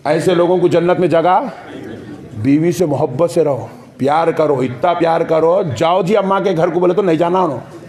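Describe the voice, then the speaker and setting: A male preacher delivers a sermon in a high, ringing voice. He is animated and playful, slipping into quick impressions of family members to drive his point home. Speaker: Islamic preacher.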